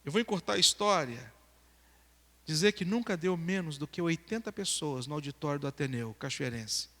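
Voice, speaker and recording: Bright-voiced Brazilian pastor in a reverberant hall. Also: male voice, a little high. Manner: storytelling with swings from loud excitement to hushed gravity. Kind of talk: sermon testimony. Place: church hall.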